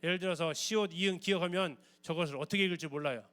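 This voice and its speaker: High-voiced man teaching a Bible class. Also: fast talker, a bit bright. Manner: keeps asking the audience questions; conversational and explanatory. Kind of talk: church Bible lecture.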